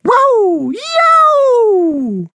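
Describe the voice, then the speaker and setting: A man voicing a chorus of yowling alley cats in a storybook reading, with high wailing cries and hisses. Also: huge pitch swings, drawn-out words, sharp tone, no room sound, exaggerated voice.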